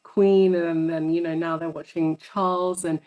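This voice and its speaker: A woman's voice: on the low side, flat delivery, a little slow, a little mellow, dull audio. A woman, a psychologist guest chatting in an interview and telling stories, often repeating words for emphasis. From London, England. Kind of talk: casual interview conversation.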